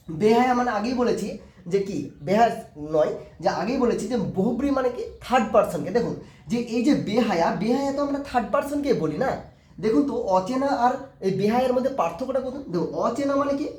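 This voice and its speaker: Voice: medium pitch, expressive, fast, darkish tone, reverberant. A teacher giving a grammar lesson, often asking a question and answering it, repeating the key words.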